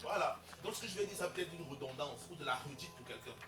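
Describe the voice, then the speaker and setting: Pastor preaching in an echoing church hall. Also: male voice, fairly high pitch, lively intonation, fast, distant mic, over music. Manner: preaching with call-and-response, rising to loud bursts. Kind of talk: sermon. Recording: roomy echo from afar.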